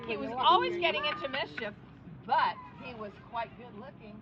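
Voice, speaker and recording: A woman's voice: high-pitched, lively intonation, normal speed. A woman reading a rhyming picture book aloud to children outdoors, playful and tripping over the tongue-twisters. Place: outdoors at a farm. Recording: dull lo-fi sound with a crowd behind.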